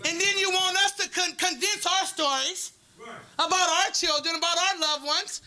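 A woman giving forceful, defiant public comment at a podium microphone in a meeting hall, full of rhetorical questions. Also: very high voice, moderate pace.

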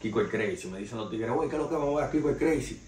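Racing along with lively intonation, a young Dominican man speaks in a mid-range, darkish voice with a Dominican Spanish accent. He hosts a casual gossip podcast of entertainment news, full of loose, slangy storytelling and calls to "señores", sitting on a sofa in a small living room. A far camera, no mic seen, records it with roomy echo, distance and faint noise.

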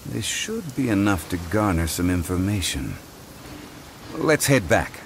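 A man voicing a calm, dignified scholar who speaks in a measured, formal way in a video game. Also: deep voice, vocal fry, a little hiss or hum, heavily acted. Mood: composed.

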